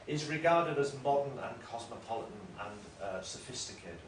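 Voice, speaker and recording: A man's voice: medium pitch, animated, moderate pace. A man giving an academic lecture in a discursive, explanatory way, often correcting himself. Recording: roomy room, mic at a distance, faint noise.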